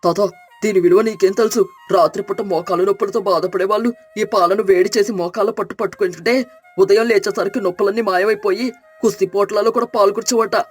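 A woman's voice: mid-range voice, fairly even intonation, fast, husky, soft background music, lightly acted. Woman doing a cocky, clever young son-in-law. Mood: secretive. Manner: confident, sly, teasing.

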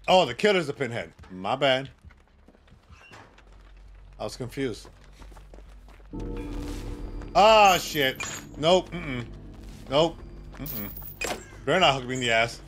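A man streaming a game, chatting casually with viewers and teammates and bursting into loud exclamations and cursing. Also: mid-range voice. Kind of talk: casual live gaming commentary.

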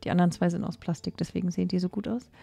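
A young woman narrates in a relaxed, chatty way, filling her pauses with little hesitations. Her voice is mellow and dark-toned. Soft music plays faintly underneath. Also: fairly low pitch, vocal fry. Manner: chatty, with many fillers and pauses. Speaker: cleaning vlogger. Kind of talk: casual voice-over narration.

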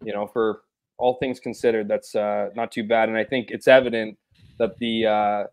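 A man's voice: fairly low pitch, little pitch movement, moderate pace, clear, resonant tone. A man, chatting casually about hockey on a video call, rambling with many restarts. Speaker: podcast co-host. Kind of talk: casual sports chat.

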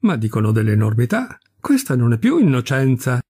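A man's voice: mid-range voice, sing-song, dark tone, slightly rough, no room sound, studio quality. A man doing a languid marchioness. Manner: slow, indifferent. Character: aristocratic mother, a marchioness, distracted, languid.

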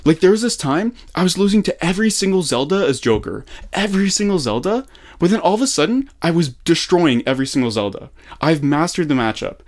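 A young adult gaming coach talks casually on a call from a small room at home, using a desktop condenser mic on his desk. He's slangy and encouraging, repeating points for emphasis. His voice is on the high side and a little mellow.

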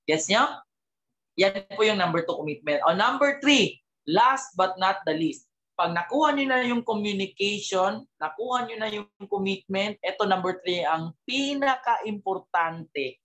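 Animated man giving a motivational talk. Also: sits high, unhurried. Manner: animated, keeps asking the audience rhetorical tag questions; mixes English words into his talk. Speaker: speaker at a business team gathering.

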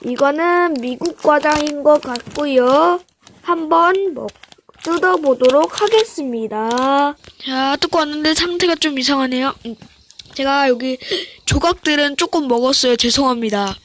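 A woman with a high voice hosts a casual snack-eating vlog. She presents to her viewers in polite, simple sentences. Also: a little slow, fairly bright tone, a little hiss or hum. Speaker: host of a snack eating video. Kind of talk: casual mukbang vlog talk.

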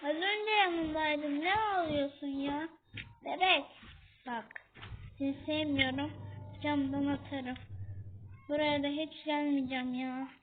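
Tinny high-voiced horror gamer. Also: steady tone, slow pace, pauses often. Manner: talks to viewers and scolds the game character. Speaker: gamer playing a horror game. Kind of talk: casual gameplay commentary. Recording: tinny phone-like audio with faint noise.

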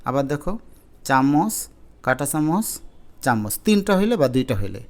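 A man teaching a spelling lesson to exam students, explaining slowly and repeating each spelling step. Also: medium pitch, sing-song.

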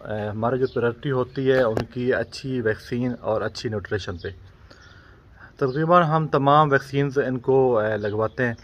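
A dairy farmer, explaining his heifer business in a steady, unscripted way with frequent hesitation sounds. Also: mid-range voice, moderate pace, slight background noise. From Pakistan. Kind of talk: unscripted interview answers. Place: outdoors at a farm. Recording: slightly dull outdoor recording.

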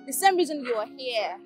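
A woman's voice: high voice, darkish tone. A young woman, playing a bossy, haughty senior prefect who scolds and gives orders. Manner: commanding, scolding.

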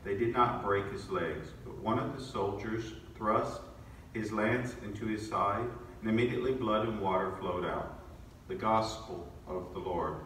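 Priest, male, lowish voice, halting when speaking off the page; cathedral echo, mic set well back. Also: fairly bright tone. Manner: halting, self-correcting in the homily. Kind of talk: gospel reading and homily at Mass. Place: large church. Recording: echoey church, distant mic, faint noise.

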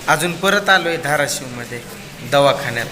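A man's voice: a little high, expressive, moderate pace, crowd noise. A man, chatting casually to viewers in a daily village vlog, filming on his phone. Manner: chatty, addresses viewers directly. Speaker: vlogger.

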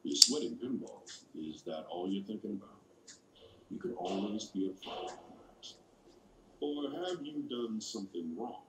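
Stern, low-voiced school principal. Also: male voice, lively intonation, a bit bright, echoey room, slight background noise, low-quality recording. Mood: suspicious, probing. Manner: measured, authoritative, probing. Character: stern, suspicious, patronizing male school principal. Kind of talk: video game acting.

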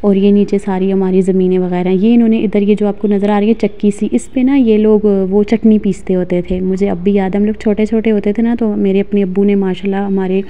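A woman's voice: medium pitch, fairly even intonation, a little fast, few pauses, narrow, tinny audio. A woman in her thirties from Pakistan, chatting casually and reminiscing while vlogging outdoors in a mountain village, recording on a phone at arm's length. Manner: chatty, reminiscing, many fillers. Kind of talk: casual walking vlog narration. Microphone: phone held at arm's length.

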